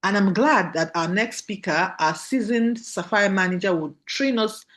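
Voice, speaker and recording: A woman's voice: medium pitch, moderate pace, fairly bright tone. A woman with a Nigerian accent giving a motivational training talk, emphatic and repeating key phrases while checking that listeners follow. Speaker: business trainer.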